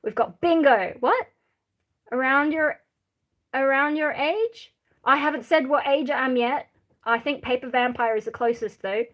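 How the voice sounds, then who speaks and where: A woman's voice: high-pitched, a little slow. An Australian woman chatting casually on a livestream, reading out viewer questions in a blunt, irreverent, rambling way. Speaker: live streamer.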